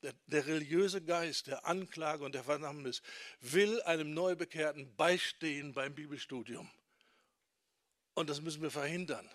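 A man delivers a teaching sermon in a somewhat high voice. He speaks emphatically and keeps turning to his listeners with short checking questions. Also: normal speed, a bit bright, no echo, studio quality. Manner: emphatic, quotes people in acted asides. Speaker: preacher on discipleship.

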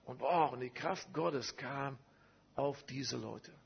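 Guy preaching, very husky voice, keeps repeating lines for effect, kinda muffled recording. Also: mid-range voice, slow. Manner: emphatic storytelling with repeated phrases. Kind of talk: sermon with personal testimony.

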